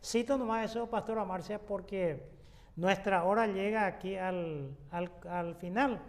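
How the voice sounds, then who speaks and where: A man's voice: high voice, a little slow, in a large hall. A man, a pastor giving an exegetical Bible lesson, explaining unhurriedly with frequent fillers and restarts. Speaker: pastor teaching a Bible study.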